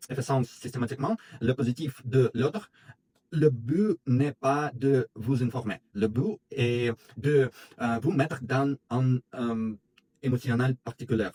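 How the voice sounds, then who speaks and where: A man from Russia, a native Russian speaker with a Russian accent, giving an opinion monologue as a video creator in a halting, hesitant non-native way. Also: mid-range voice, steady tone, warm tone.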